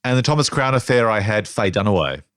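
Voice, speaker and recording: Low-voiced man co-hosting a film podcast. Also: expressive, a bit bright, clean tone, dry recording, studio quality. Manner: playful, laughs often, quick asides. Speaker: podcast co-host. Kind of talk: casual movie review chat.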